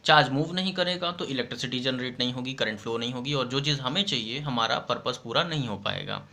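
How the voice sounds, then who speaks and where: A man gives a school science lesson in a voice of middle pitch with a bright, forward edge. He explains patiently and often stops to check that his students follow. He reads the textbook definitions slowly in English. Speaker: science teacher. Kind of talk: online classroom lesson.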